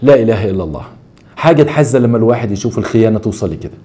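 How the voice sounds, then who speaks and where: Fast-talking Egyptian crime storyteller. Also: male voice, lowish voice. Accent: Egyptian Arabic. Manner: preachy, animated storyteller. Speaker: host.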